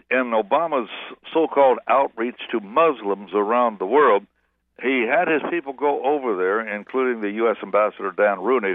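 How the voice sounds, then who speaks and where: Heard over a tinny, dry phone line with no room sound, a man with a mid-range voice is interviewed on the radio as a guest pastor. His answers wander, and he keeps correcting himself.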